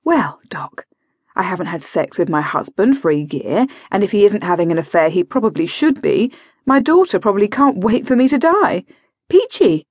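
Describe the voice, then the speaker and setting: A woman voicing a bitter, sardonic 45-year-old wife and mother who is seriously ill, speaking dryly with sharp outbursts, in a dry close recording. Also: medium pitch, very animated, moderate pace, breathy edge, dry recording.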